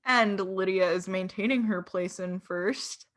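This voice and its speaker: A woman's voice: medium pitch, unhurried, fairly bright tone. A young woman hosting an online trivia game on a video call, chatty and giggly, with lots of filler words. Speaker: webinar host. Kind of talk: casual chat running online trivia.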